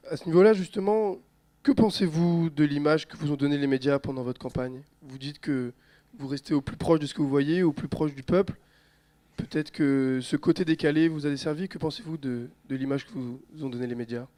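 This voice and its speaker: A man interviewing a guest at a conference, asking a question quickly and repeating it. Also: fairly high pitch, warm tone.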